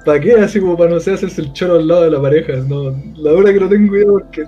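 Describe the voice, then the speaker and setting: A man's voice: fairly high pitch, rapid-fire, mellow, muffled recording, soft background music. A man with a Chilean accent, a podcast co-host, telling a story in casual, crude slang and acting out the people in it. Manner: crude slangy storytelling, acts out quoted voices.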